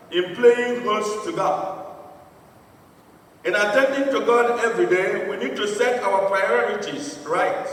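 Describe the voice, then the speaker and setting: Male priest preaching, slow and deliberate, far off in an echoing church. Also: high voice, fairly bright tone. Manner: storytelling, earnest. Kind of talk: sermon. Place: large church. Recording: echoey church from a distant mic.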